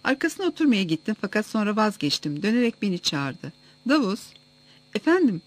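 A narrator reads a first-person historical story aloud for an audiobook. The delivery is steady and even, with the plain pace of a careful reading. It sounds like a chapter being read straight through. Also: mid-range voice, quick pace.

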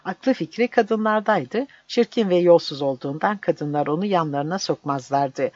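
An audiobook narrator reading a novel in a steady, measured way. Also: mid-range voice, lo-fi sound. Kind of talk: scripted narration.

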